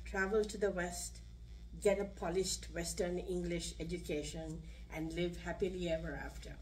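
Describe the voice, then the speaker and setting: A woman's voice: on the low side, darkish tone. An older woman from Sri Lanka, reading her own personal story aloud at a podium in a senior center. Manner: measured, reads from a page. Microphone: podium mic. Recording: distant room recording, faint hum.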